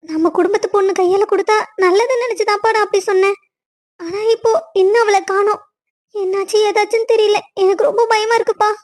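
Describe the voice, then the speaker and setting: A woman's voice: extremely high pitch, steady tone, fast talker. A woman voicing a frightened, anxious aunt in a cartoon story, speaking in a pleading way. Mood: fearful.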